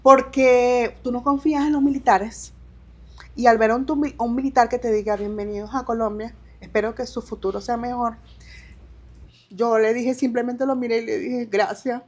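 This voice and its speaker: Venezuelan woman recounting her migration, halting. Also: a little high, fairly even intonation, darkish tone. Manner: halting, with restarts and quoted dialogue. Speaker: interview guest. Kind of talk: emotional personal testimony.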